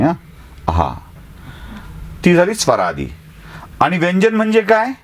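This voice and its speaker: A man teaching a class, who sounds out letters one by one and keeps asking the students rhetorical questions. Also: a little high. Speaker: journalism teacher. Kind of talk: classroom lecture.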